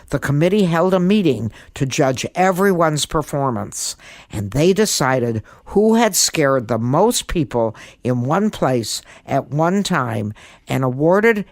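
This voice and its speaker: This woman in her eighties has a very deep voice and speaks deliberately and emphatically, as though teaching her audience. A comedian and author guest-hosting a podcast, she comes across as seasoned while offering writing tips and reading a story aloud. Her voice is recorded close and dry, with no room around it.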